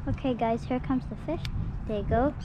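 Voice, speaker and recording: Excitable young girl vlogging outdoors. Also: a little high, brisk, muffled recording, heavy background noise. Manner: excited, chatty, addresses viewers. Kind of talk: casual fishing vlog. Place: outdoors on a fishing pier. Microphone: action camera. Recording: loud background music. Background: music.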